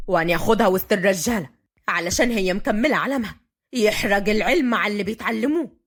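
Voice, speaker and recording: A stern young Upper Egyptian clan head barks short orders in a lowered, gruff voice, as a woman storyteller puts him on. He is quick-tempered and commanding, with an Upper Egyptian accent, in an audio storybook. The tone stays clipped and tough. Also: animated. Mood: restrained. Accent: Upper Egyptian Arabic. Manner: curt and commanding.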